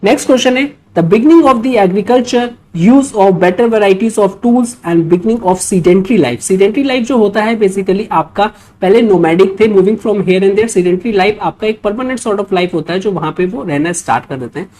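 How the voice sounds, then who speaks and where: With a medium pitch and dark tone, an Indian-accented woman delivers an instructional history lecture for exam prep, mixing Hindi and English. Her pace is measured, with hardly any pauses. She reads out quiz questions and keeps adding check-in tags.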